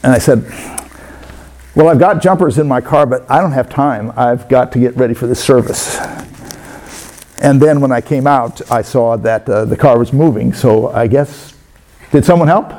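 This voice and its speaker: A man preaching a sermon as a pastor, telling stories in a conversational way with many pauses. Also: medium pitch, mellow.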